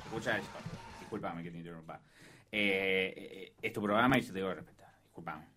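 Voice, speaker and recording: A man playing a loud posh rich boy. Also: sits low, a little fast. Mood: smug. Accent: Argentine Spanish. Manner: rambling, excitable, raises his voice. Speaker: comedy radio guest.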